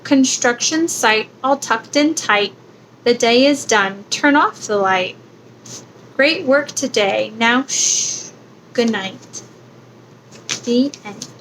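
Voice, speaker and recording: Woman reader, higher voice, very slow storybook delivery, faint hiss behind. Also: expressive, poor audio. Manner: slow, gentle bedtime reading with sound effects. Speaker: children's book reader. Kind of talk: reading picture books aloud.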